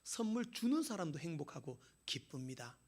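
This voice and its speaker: A man's voice: fairly high pitch, very animated, moderate pace. A man preaching a sermon as a pastor, telling jokes and stories with emphatic exclamations.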